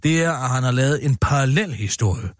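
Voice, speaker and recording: A man hosting a radio comedy show, reading a silly screenplay aloud in a deadpan, mock-serious way. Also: medium pitch, no echo, studio quality.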